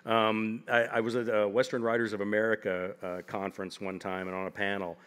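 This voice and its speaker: This author in his fifties rambles through comic anecdotes for an audience seated in a library, leaning heavily on "like" and "you know." His clean, lowish voice stays level, brisk, and a bit bright.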